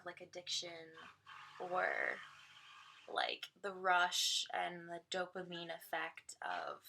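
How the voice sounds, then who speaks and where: A young woman vlogging casually as she does her makeup, rambling and full of fillers, with a noticeable vocal fry. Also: medium pitch, pushed and bright. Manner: rambling, filler-heavy, musing. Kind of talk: casual get-ready-with-me vlog.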